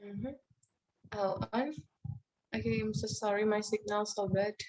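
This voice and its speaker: A woman's voice: mid-range voice, fairly even intonation, measured pace, darkish tone. A woman moderating an online group discussion. Her voice is faint and distant over a bad internet connection, and she speaks hesitantly.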